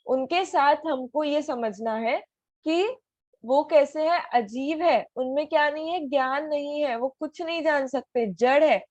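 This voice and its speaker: A woman's voice: high voice, a little mellow, no echo, highs cut off. A woman teaching an online class for children, patiently asking them questions over a video call. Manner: patient, asks many questions.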